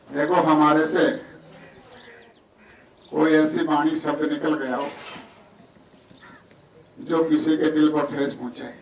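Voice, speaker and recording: High-voiced village preacher, distant and echoey. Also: male voice. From Rajasthan. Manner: folksy, acts out villagers' voices, humble. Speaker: satsang preacher. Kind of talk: village sermon and announcements. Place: outdoor village gathering. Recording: echoey, distant, outdoor noise.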